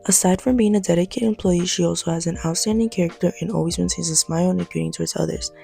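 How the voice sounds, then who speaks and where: A teenage woman reading a scripted news report as a student reporter, brisk and even. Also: on the low side, gravelly, soft background music.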